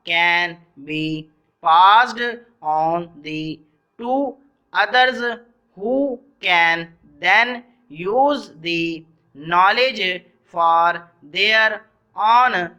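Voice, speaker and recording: A bright, crisp-edged voice at a middle pitch, dictating at an extremely slow pace. The reader breaks sentences into short phrases and announces each punctuation mark, as in a dictation exercise. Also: dull audio.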